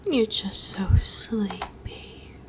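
A woman whispering softly in a soothing, doting ASMR roleplay. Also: medium pitch, drawn-out words.

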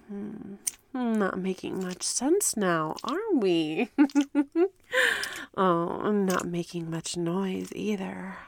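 A woman voicing a predatory, inhuman female seductress who speaks in slow, teasing whispers broken by mocking laughs, in an audio roleplay. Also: mid-range voice, creaky, darkish tone, slight background noise.

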